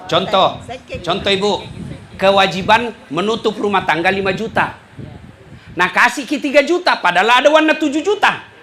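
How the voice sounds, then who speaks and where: A man preaching a humorous sermon, acting out dialogues and swinging between shouting and soft asides. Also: high voice, normal speed. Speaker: Islamic preacher. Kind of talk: lively sermon to a crowd. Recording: crowd and faint noise behind.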